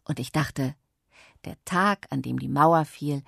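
Low, gravelly woman telling a children's story. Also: slow, no echo, studio quality. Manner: calm, clear storytelling in first person. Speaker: audiobook narrator. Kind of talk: children's audiobook narration.

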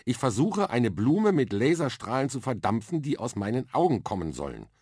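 Man playing a shy earnest young boy, slightly defensive, husky edge, radio storybook. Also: medium pitch, sing-song, moderate pace, warm tone, no echo, clean studio sound, voice pushed up. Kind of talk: children's radio story reading.

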